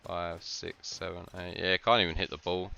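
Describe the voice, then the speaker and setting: A man's voice: sits low, little pitch movement, moderate pace, vocal fry, sharp tone, clear, resonant tone. A man giving casual commentary on a game match, rambling with lots of filler words and frequent laughs.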